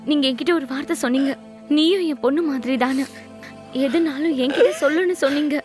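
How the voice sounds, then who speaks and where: Casting: woman playing pleading young wife, high voice, music under. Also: quick pace, darkish tone, close to an everyday voice. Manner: pleading, tearful. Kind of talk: film acting.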